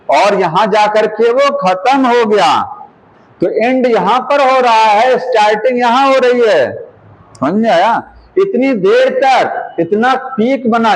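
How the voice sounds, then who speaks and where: A male teacher giving a classroom lecture, drilling key terms and constantly checking the students with quick questions. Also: high-pitched, poor audio.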